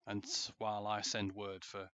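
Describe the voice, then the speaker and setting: Man doing a worried village man, earnest, measured, lowish voice, dry muffled sound. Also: completely flat delivery, sharp tone, no room sound. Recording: dull lo-fi sound.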